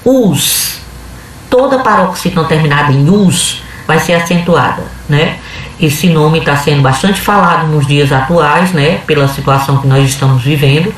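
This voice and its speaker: A woman's voice: low voice, moderate pace, a little hiss or hum. Casting: woman teacher, patient step-by-step explainer, heard from a distance in a very echoey room. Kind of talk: video lesson.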